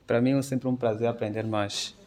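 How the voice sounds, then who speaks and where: A man's voice: medium pitch, fairly even intonation, fairly quick. A man introducing himself modestly to a workshop. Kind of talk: self-introduction. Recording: background noise.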